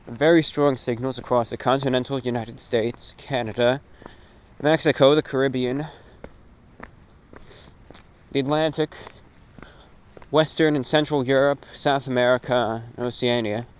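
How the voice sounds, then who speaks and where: With a measured pace and frequent pauses, this show host speaks in a medium pitch and fairly even intonation. He's recording a casual, reflective monologue of short phrases outdoors while walking, for his radio and online show, and clear ambient noise comes through behind him.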